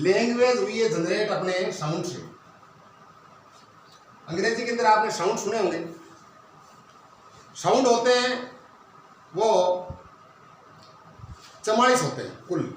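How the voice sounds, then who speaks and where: A high-voiced male teacher explains a grammar lesson step by step. He asks his own questions and then answers them. He is recorded from across a very echoey room, with a faint hum behind him. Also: recorded from a distance.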